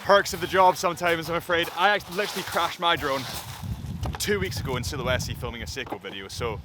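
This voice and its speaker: A man's voice: on the high side, fast, noisy background. A man hosting a casual travel vlog outdoors in the snow, chatty and enthusiastic, laughing often. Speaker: host. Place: outdoors in snowy, cold landscape.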